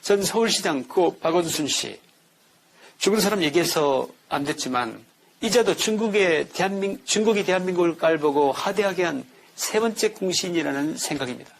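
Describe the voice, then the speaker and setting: Male commentator, slightly high voice, indignant, rhetorical, reads from a script. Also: animated, moderate pace, creaky. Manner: indignant, full of rhetorical questions. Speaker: political commentator.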